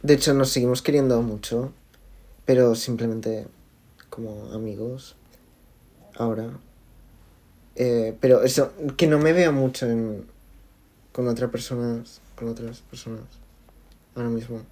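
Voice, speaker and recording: A young man being interviewed in casual conversation, talking haltingly with many fillers and restarts. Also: medium pitch, steady tone, dark tone. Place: lives in Barcelona.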